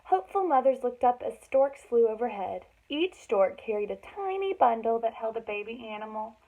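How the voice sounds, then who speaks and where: Speaking at a normal pace in a fairly high, very animated voice, a woman narrates a children's story with dramatic emphasis and chatty asides for young listeners. The recording has a thin, phone-like quality.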